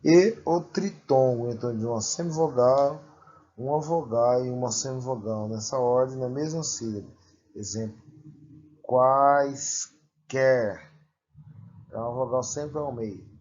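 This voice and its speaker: A male teacher giving a grammar lesson, repeating and drawing out example words slowly and deliberately. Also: mid-range voice, a little mellow, highs cut off.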